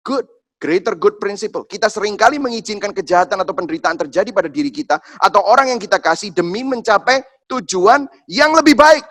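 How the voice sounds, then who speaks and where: Brief: pastor in his forties, high voice, lively storytelling sermon that addresses the congregation. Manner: animated storytelling, addresses listeners as Saudara, mixes in English.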